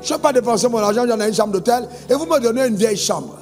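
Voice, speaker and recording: A man's voice: very high-pitched, animated, quick pace, a little mellow. A man from Côte d'Ivoire preaching a sermon as a pastor, emphatic, telling stories and calling on the congregation for amens. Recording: long reverb with faint music.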